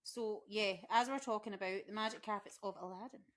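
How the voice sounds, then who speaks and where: A woman's voice: medium pitch, steady tone, brisk. A woman co-hosting a casual chat, jumping in with jokey asides. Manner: chatty, jumps in with jokey asides. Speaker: podcast co-host.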